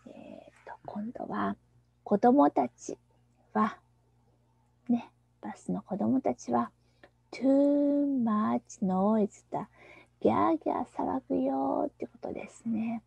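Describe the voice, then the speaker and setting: A woman teaching a children's English song, explaining softly, often in a near-whisper, and reading the lyrics slowly and deliberately. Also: on the high side, vocal fry, slightly rough, no echo, dull audio. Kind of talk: screen-shared lesson on a children's song.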